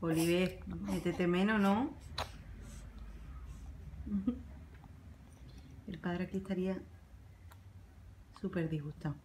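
A woman's voice: on the low side, slow, pauses often, a little mellow, slight background noise. A young woman filming a home family vlog, coaxing and cooing to her baby son between asides to the camera. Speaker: mother and family vlogger.

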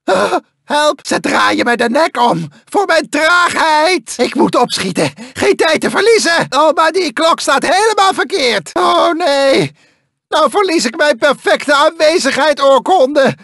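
A tiny, manic cyborg mad scientist from a cartoon video game. The voice is extremely high and gravelly, lurching wildly between self-pitying mutters and villainous shrieks. It is a very dry, close recording. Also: male voice, animated, unhurried, pushed and bright, no room sound, heavily acted. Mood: frantic, upset. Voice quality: shrill, strained, gravelly. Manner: theatrical, volatile, swinging from muttering to shrieking.

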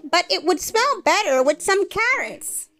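A woman's voice: very high voice, big pitch swings, a little slow, fairly bright tone, soft background music, voice pushed up, exaggerated voice. A woman voicing a cheerful, sly, hungry young man from a storybook, coaxing as he talks.

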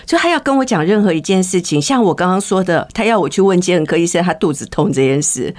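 A woman's voice: fairly low pitch, animated, fast talker, darkish tone. A woman talks in a candid, storytelling way. She is a middle-aged counselor appearing as a guest in a conversational interview. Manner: candid, storytelling, acts out quoted dialogue.

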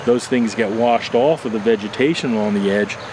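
Older man explaining, measured and unhurried. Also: fairly low pitch, noisy background. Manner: measured, explanatory, with many "uh" fillers. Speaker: entomologist and fly fishing instructor. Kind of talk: interview answers. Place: outdoors by a stream.

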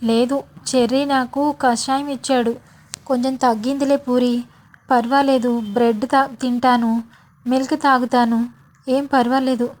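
A woman voicing a young woman ill with a fever, speaking softly and in a subdued way. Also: high voice, fairly even intonation, a little slow. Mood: tired. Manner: soft and subdued.

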